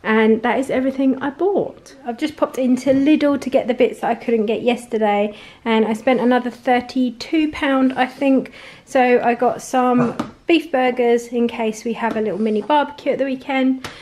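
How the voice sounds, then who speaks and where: A woman's voice: fairly high pitch, steady tone, moderate pace, few pauses, a little mellow. A woman vlogger chatting casually as she goes through her shopping at a kitchen table, listing items and prices with plenty of ums and likes. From England. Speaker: family vlogger. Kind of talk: casual grocery haul chat. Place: home kitchen table, indoors.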